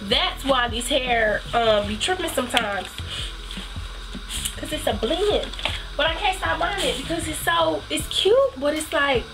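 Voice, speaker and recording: A woman with a stuffed-up nose chats her way through a tutorial at home in a slightly high voice. She rambles easily and fills her pauses with ums. Music plays clearly in the background while she talks to the camera. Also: poor audio. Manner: chatty, rambling, many ums. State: stuffy from a cold. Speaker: hair vlogger. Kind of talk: casual tutorial chat.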